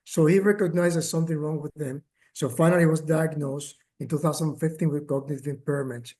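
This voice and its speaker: Guy telling his caregiver story at a workshop, lots of uhs, emotional, kinda high voice. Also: fairly even intonation, dark tone. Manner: halting, many fillers and restarts, emotional. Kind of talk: personal testimony, remote talk.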